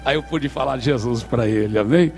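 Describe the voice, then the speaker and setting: A man's voice: mid-range voice, brisk, a little mellow, faint music behind. A man preaching a sermon as pastor, telling a story with energy and calling out to the congregation in a church hall.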